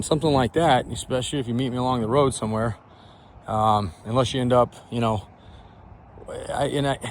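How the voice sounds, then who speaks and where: Man, parts seller walkaround, rambling casual delivery, mid pitch, light outdoor noise. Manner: rambling, trailing off mid-sentence. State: winded. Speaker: used Jeep parts seller.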